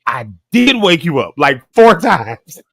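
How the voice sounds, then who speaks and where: A man's voice: fairly high pitch, takes it slowly. A man hosting a morning talk show, telling home stories in casual banter and acting out the quotes. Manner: animated storyteller, acts out quotes.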